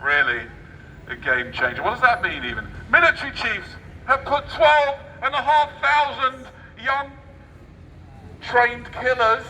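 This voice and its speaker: Reading out the news like a satirical street orator, a man lays on theatrical, sarcastic mock enthusiasm. His very high voice is expressive, unhurried, pushed and bright. Faint street noise comes through the distant outdoor microphone.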